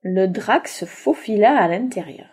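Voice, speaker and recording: Woman storyteller, slow and animated, mellow dark tone. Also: mid-range voice, breathy edge. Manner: slow, lively intonation. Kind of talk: storybook reading aloud.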